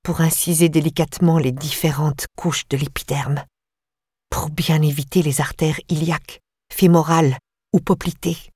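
A woman voicing a disturbed young woman, eerily calm and obsessive, in a slow, low murmur for an audiobook. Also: slightly rough, dry recording, studio quality. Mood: eerie calm.

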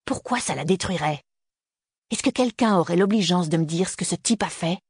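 The reader plays a restless young student who presses his case and pleads. The voice is husky with a gravelly edge, and the recording is dry and close. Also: medium pitch, expressive, brisk, no echo. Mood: pleading. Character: young man, restless university student son. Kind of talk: audiobook character reading.

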